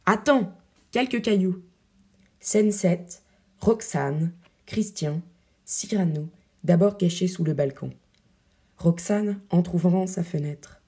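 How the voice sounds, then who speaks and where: A woman reading a verse play aloud, stating the stage directions and scene headings in a quiet, even way. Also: lowish voice, takes it slowly, breathy edge. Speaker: reader.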